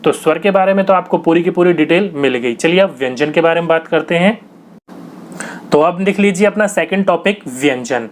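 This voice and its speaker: A man's voice: a little high, a little fast, slight background noise. A young man teaching a grammar lesson for exam prep, asking questions and answering them himself in a patient, repetitive way.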